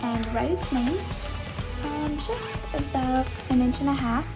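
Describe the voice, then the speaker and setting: A young adult woman with a high voice reads a children's story at a measured pace over music and gives simple craft instructions, volunteering as a storybook reader and craft demonstrator.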